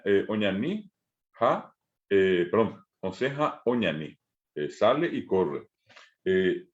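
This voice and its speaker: A man with a Paraguayan Spanish accent teaching an online language class, explaining patiently and repeating words slowly, with frequent hesitations. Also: low-pitched, darkish tone. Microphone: video call. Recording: muffled lo-fi video call audio.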